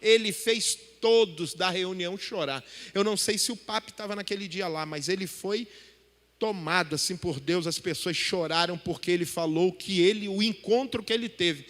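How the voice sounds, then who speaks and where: A man's voice: sits high, fairly bright tone. A middle-aged man preaching a sermon in a church, talking animatedly and asking the congregation rhetorical questions. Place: church hall. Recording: long hall reverb from a church.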